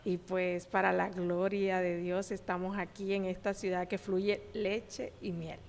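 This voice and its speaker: A Colombian woman in her forties, a guest speaking gently and softly and laughing when she teases. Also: fairly low pitch, level tone, unhurried, vocal fry. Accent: Colombian Spanish. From Valledupar, Colombia. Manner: gentle, soft-spoken, laughs when teasing. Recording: reverberant hall with faint ambience.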